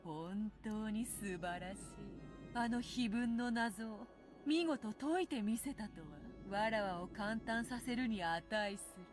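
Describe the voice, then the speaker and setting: A woman's voice: fairly high pitch, expressive, moderate pace, close to an everyday voice. Beatrice, a woman voicing a haughty witch. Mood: lordly praise. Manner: archaic, lordly speech with cackling laughs. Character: haughty female witch, grand and mocking. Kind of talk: game voice acting. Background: game music.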